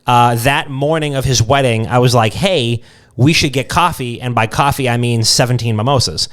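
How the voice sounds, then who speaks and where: A young man co-hosting a podcast banters and tells jokey tales with lots of cursing. He speaks at normal speed in a mid-range voice with a fairly bright tone.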